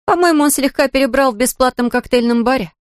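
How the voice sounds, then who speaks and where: A brisk, scornful young woman, voiced by a woman narrator rattles off gossip in a bright raised voice. The audiobook sound is dry and close, with no room around it. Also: on the high side, lively intonation, dry recording, pitched above the performer's own voice, close to an everyday voice. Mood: chatty, scornful. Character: lively outspoken young woman friend, sharp-tongued gossip.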